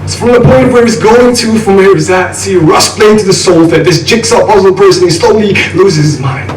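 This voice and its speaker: A young man from Nepal performs spoken word poetry at a live student event, delivering it in a rhythmic, intense and wry way. His high-pitched voice moves fairly quickly over faint background music, captured from a distance in an echoey, noisy room with an audience.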